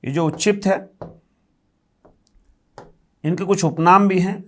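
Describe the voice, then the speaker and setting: A man's voice: sits high, steady tone, unhurried, a bit bright. A male Hindi grammar teacher giving a classroom lecture, explaining step by step, asking questions and answering them himself, and repeating key terms.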